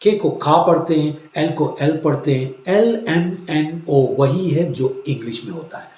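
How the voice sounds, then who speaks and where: Male teacher, slow deliberate delivery, repeats words to drill them, echoey room. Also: a little high, lively intonation, darkish tone. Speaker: language teacher. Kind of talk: classroom-style language lesson.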